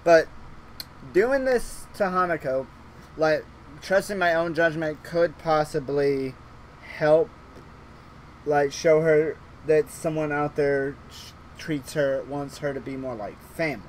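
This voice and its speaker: Rambling, higher-pitched young male streamer. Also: takes it slowly, slight background noise. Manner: rambling, restarts often, laughs a lot. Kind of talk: casual let's-play chat.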